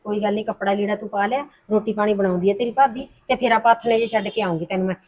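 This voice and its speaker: Voicing the heroine's mother, an actress speaks with medium pitch, fairly even intonation, and a slightly mellow, natural quality, racing through her lines. The middle-aged character soothes and pleads with her daughter to calm family quarrels, repeatedly calling her "puttar."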